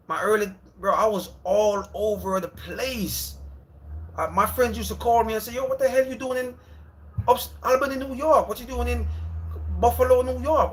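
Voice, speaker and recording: The recording is rough, capturing a high-pitched Jamaican man in his thirties who hosts a livestream from home. He talks loosely and casually, repeating himself and calling out to viewers as brother and bro.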